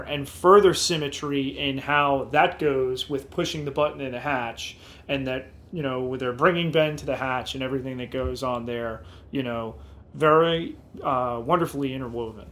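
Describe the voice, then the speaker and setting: A man's voice: medium pitch, a bit bright. A man with a mid-range voice co-hosts a casual podcast. He strings his thoughts into long, enthusiastic run-on sentences. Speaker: podcast co-host.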